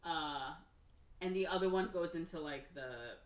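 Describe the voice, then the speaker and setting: A woman hosting a podcast and recapping a movie in casual chat. She tells it with animation, says "like" a lot and slips into quick acted quotes. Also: deep voice. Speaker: podcast host. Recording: roomy, from a distance off the mic.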